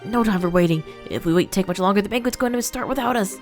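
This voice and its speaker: A woman's voice: mid-range voice, fast talker, faint music behind, lightly acted. A woman voicing a brash, impatient young male reporter who scolds and hurries people along.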